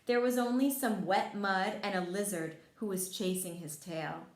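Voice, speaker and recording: A woman voicing a friendly, gentle male frog telling a children's storybook tale in an expressive, reassuring way. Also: mid-range voice, normal speed, lightly acted. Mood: wistful storytelling. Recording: echoey room.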